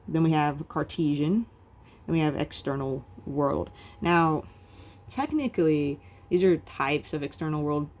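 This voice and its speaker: A woman's voice: low voice, measured pace, darkish tone. A woman teaching a recorded philosophy lecture in a casual, chatty way, with many fillers and restarts.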